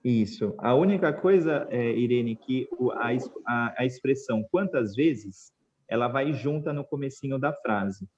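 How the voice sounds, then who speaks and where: A man with a Brazilian Portuguese accent teaching an online English class, patiently spelling out examples slowly. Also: mid-range voice, lively intonation, darkish tone, muffled recording, slight background noise.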